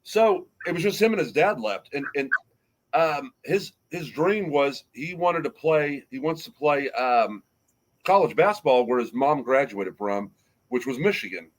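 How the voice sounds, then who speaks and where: A man's voice: a little high, expressive, unhurried, rough recording. A man hosting a casual sports podcast, rambling through picks and a story while laughing often. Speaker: podcast host.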